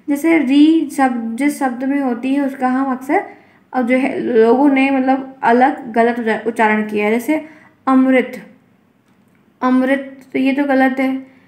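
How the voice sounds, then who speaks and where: High-voiced woman teaching in an echoey room. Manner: explains by repeating example words and quizzing the class. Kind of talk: online exam-prep lesson.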